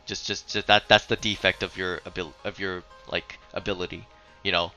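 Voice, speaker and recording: A man runs a tabletop game, narrating scenes and rules in a halting way that keeps doubling back on words. His voice is low and very bright, with a forceful edge. Faint music plays underneath. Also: flat delivery. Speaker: game master.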